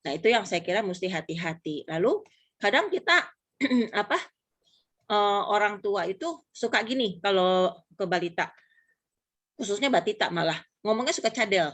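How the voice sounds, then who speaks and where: Brief: middle-aged woman, casual church talk guest, patient and explanatory, lively when quoting. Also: medium pitch, normal speed. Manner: relaxed, explanatory, lively acted-out quotes. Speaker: pastor's wife and mother, guest.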